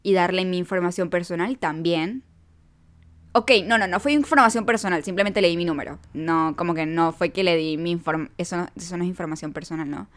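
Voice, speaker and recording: A young woman telling a storytime to camera in an animated, self-mocking way. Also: on the low side, brisk. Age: young adult. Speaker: vlogger.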